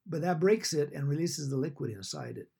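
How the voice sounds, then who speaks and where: A man's voice: fairly high pitch, sing-song, a little fast, creaky, mellow, slightly rough. A middle-aged or older man speaking conversationally as a podcast co-host.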